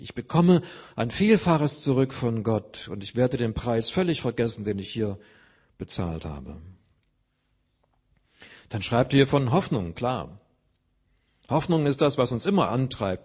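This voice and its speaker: Man, preacher, husky voice, earnest sermon, everyday examples. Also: medium pitch, very animated, unhurried, a little mellow.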